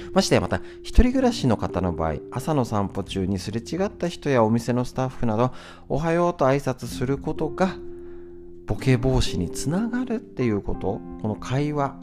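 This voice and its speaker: A man hosting a solo podcast in a chatty, conversational way, often pausing with fillers and tag questions, and sometimes reading aloud from a book. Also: medium pitch. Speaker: podcast host. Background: guitar music.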